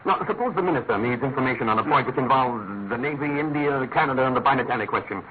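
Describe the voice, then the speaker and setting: An actor playing Sherlock Holmes, a brilliant, restless detective with a dry, declamatory manner, in classic radio drama style. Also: male voice, mid-range voice, quick pace, close to an everyday voice. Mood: amused, expounding. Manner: articulate, declamatory, musing. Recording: tinny narrow-band radio recording with hiss.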